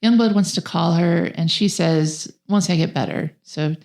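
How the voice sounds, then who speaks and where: As a podcast co-host, a woman recaps a film's plot in a conversational way at a moderate pace. Her voice is very low for a woman, soft and mellow, with plenty of vocal fry.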